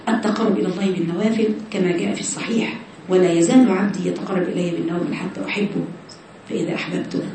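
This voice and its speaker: A woman with an Egyptian accent giving a fast, animated religious lesson to women, mixing everyday speech with recited scripture. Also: fairly low pitch, a little hiss or hum. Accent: Egyptian Arabic. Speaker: religious teacher. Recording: echoey room, voice from far off.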